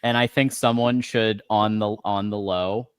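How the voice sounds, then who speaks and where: Measured co-host man, dry mic. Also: lowish voice, steady tone, clean tone, no room sound. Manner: measured, analytical, reads viewer comments. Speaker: podcast co-host. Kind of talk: casual sports postgame chat.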